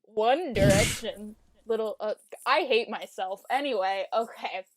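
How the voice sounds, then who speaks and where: A woman's voice: medium pitch, unhurried, no echo. A young woman co-hosting a casual group podcast, chatty and giggly, often laughing at herself. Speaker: podcast co-host. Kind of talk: casual group chat over voice call.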